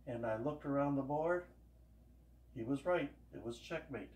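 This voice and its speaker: Cooking at home, an older man chats easily and wanders through homespun stories, his mid-range voice a little mellow and his pace moderate. He's a home cooking vlogger giving a casual demonstration, recorded from a camera across the kitchen, with an echoey room and a far-off voice.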